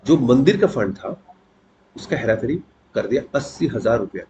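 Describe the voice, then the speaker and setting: A man giving a conversational devotional talk, telling a saint's story and often clearing his throat. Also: medium pitch, very animated, moderate pace. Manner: conversational, mixes English words into Hindi. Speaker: devotional speaker. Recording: dull lo-fi with faint noise.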